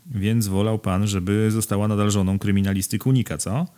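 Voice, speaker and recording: A man's voice: fairly low pitch, fairly even intonation, brisk, close to an everyday voice. A man voicing a coarse, domineering upstart who talks bluntly and threatens in an audiobook. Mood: threatening. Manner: gruff, bullying, loud.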